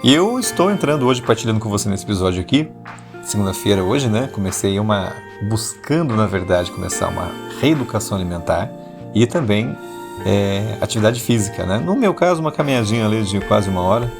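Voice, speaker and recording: Gravelly low-voiced man. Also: lively intonation, music in the background. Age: 40s. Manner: deliberately slower, lower tone, still slipping into fast talk. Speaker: podcast host. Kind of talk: intimate late-night podcast monologue.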